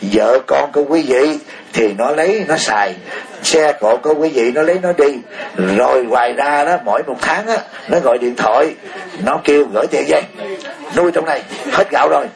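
A man's voice: fairly high pitch, moderate pace, vocal fry. A man giving an impassioned political talk, firing rhetorical questions at his listeners and chuckling often. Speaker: speaker addressing an audience.

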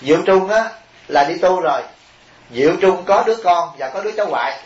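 A man, a Buddhist monk, telling stories in a lively sermon and asking his listeners questions directly. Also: high voice, a little fast. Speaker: Buddhist monk giving a dharma talk. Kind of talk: storytelling sermon. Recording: roomy, dull lo-fi recording with faint hiss.

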